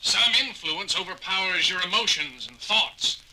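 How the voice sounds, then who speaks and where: A man's voice: high voice, animated, a little slow, crowd noise, rough recording. A man playing a harried, blunt starship doctor under strain in a 1970s science fiction audio drama. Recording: 1970s drama record with music.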